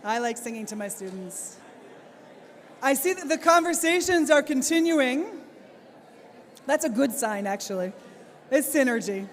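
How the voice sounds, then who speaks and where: A woman's voice: high voice, animated, unhurried, pauses often. A woman giving a plenary talk to teachers at a conference, engaging the audience with questions and laughing often. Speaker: plenary speaker, teacher trainer. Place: large conference hall. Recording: hall reverb on the voice.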